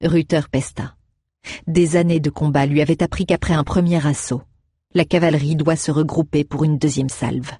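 A man reading a fantasy novel aloud in steady, measured narration. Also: on the high side, husky, no room sound, studio quality. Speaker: audiobook narrator. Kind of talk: audiobook narration.

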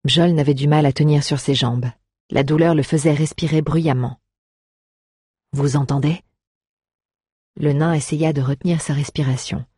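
Audiobook narrator; husky, even, dry close mic. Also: medium pitch, dry recording. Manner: even, measured storytelling. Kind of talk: scripted narration.

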